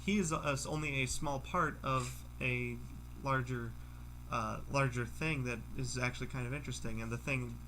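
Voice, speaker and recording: A young man talks casually among friends as a podcast guest. His voice is bright and sharp at a middling pitch, and he rambles haltingly, doubling back on phrases. A faint noise sits behind the recording. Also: steady tone, low-quality recording.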